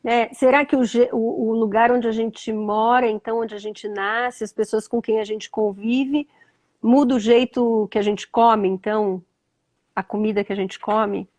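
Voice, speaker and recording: A woman with a Brazilian Portuguese accent, gently questioning children in a thoughtful, conversational way and often echoing their answers. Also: fairly high pitch, steady tone, moderate pace. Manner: thoughtful, repeats answers back, lots of "né?". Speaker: interviewer.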